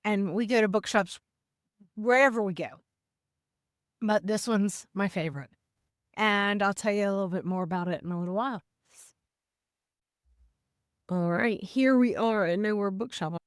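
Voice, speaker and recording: A woman's voice: mid-range voice, moderate pace, pauses often, clear, resonant tone, no echo, studio quality. A woman hosting a casual travel vlog, chatty and upbeat, talking straight to her viewers, with some scripted voice-over. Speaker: vlog host.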